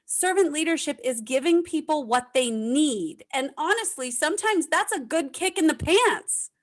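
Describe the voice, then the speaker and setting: Emphatic American woman guest, high voice, conversational. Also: animated, normal speed. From United States. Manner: emphatic, repeats points for effect. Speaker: podcast guest, leadership consultant. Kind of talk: casual interview chat.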